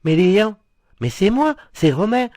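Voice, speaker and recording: An actor playing a doting, theatrical older husband who teases and gossips affectionately. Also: male voice, high voice, very animated, a little slow, a little mellow, dry recording. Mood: teasing.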